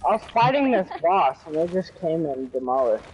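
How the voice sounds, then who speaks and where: A man gamer in casual voice chat, excitable and complaining about the match. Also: fairly high pitch, moderate pace, highs cut off, crowd noise. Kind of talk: casual voice chat while gaming.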